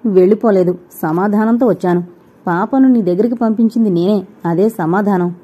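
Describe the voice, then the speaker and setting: Audio-novel husband, calm and philosophical, gently consoling, read by a woman, mellow and lower, lo-fi. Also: normal speed, slightly rough. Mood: earnest. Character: calm, wise husband consoling his dying wife. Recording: dull lo-fi recording.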